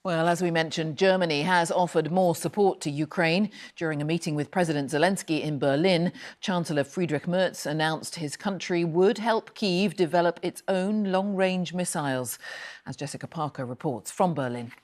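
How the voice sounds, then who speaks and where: A female news presenter reads a scripted bulletin link. Her voice sits a little lower than most women's. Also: moderate pace.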